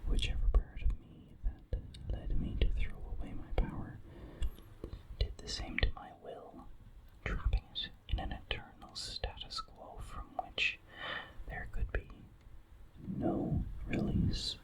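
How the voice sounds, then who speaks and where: Someone reading a horror story in an ASMR whisper, very close to the microphone, right in the listener's ear, with measured pauses. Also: poor audio.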